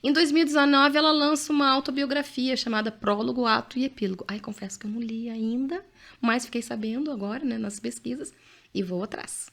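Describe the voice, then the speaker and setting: A Brazilian-accented woman in middle age hosts a podcast in an easy, chatty way. Her voice sits a little high, and she mixes facts with her own asides. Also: fairly even intonation, brisk, creaky, fairly bright tone. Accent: Brazilian Portuguese. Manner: chatty, often adds "né?", reads out facts with asides. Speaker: podcast host. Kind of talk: casual conversational podcast chat.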